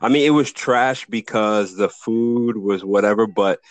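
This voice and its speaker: Over a call, a man hosts a podcast, chatting loosely and swearing a lot as he tells stories in a profane, easygoing way. His voice is lowish and unhurried, with a crowd audible in the background.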